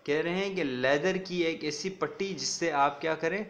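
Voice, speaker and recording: A male teacher giving a recorded classroom lesson. He mixes Hindi-Urdu with English, reads each English line slowly, then explains it, and keeps checking with "ठीक है ना". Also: a little high, fairly bright tone, lo-fi sound. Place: recorded video lecture.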